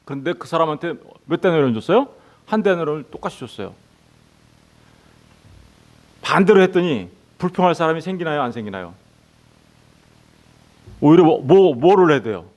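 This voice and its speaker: A man's voice: on the high side, animated, fairly quick, long pauses, darkish tone, dull audio. A male pastor preaching a sermon who keeps asking his congregation rhetorical questions. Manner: acts out the workers' lines in quoted voices.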